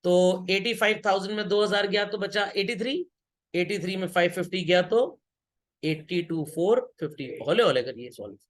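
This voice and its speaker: A high-pitched man speaking at normal speed teaches an accountancy class as a classroom lecture. He jokes and teases his students while working through problems, switching between Hindi and English.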